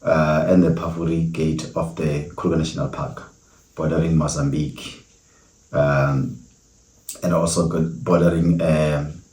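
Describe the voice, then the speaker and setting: A South African podcast host with a very deep, flat voice delivers a solo monologue in an echoey room. He tells his story earnestly and reflectively, pausing often.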